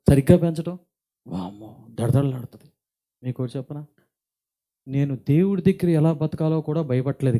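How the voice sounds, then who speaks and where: A middle-aged man from India, preaching a church sermon in an earnest, deliberate way that builds in intensity. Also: medium pitch, mellow. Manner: earnest, speaks slowly and deliberately, rising in intensity. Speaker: pastor. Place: church hall.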